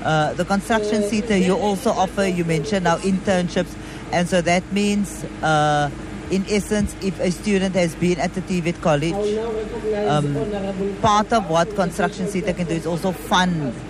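A woman's voice: fairly low pitch, moderate pace, a crowd in the background, low-quality recording. A woman with a Cape Town South African accent hosts a live radio outside broadcast in a chatty, conversational way, switching between languages. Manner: switches between English and Afrikaans. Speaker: radio host. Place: outdoor live broadcast at a city square.

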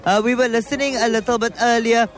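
High-voiced South African woman hosting live radio. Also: fairly even intonation, fast talker. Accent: South African, Cape Town. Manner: switches between English and Afrikaans. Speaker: radio host. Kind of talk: live radio outside broadcast, chatty interviewing. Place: outdoor live broadcast at a city square.

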